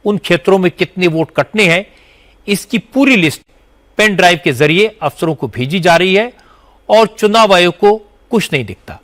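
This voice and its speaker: A man narrating a scripted news report in a measured, formal way. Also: high-pitched, fairly bright tone. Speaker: news anchor.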